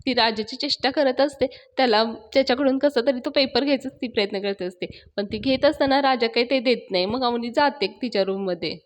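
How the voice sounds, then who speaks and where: A woman reviewer casually retelling a TV serial episode in a chatty, lively storytelling manner. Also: fairly high pitch, brisk, few pauses.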